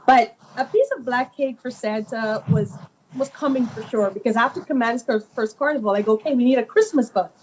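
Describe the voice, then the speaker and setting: A woman from Guyana, a children's author in her thirties, telling her stories in an animated conversational interview with many fillers. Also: a little high, fairly quick. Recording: muffled lo-fi with faint noise.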